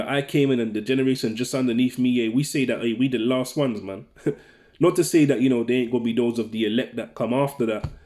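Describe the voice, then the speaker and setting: A man's voice: mid-range voice, a little mellow. A man preaching informally, reading scripture and tagging his lines with "man" and "right?". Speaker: religious teacher.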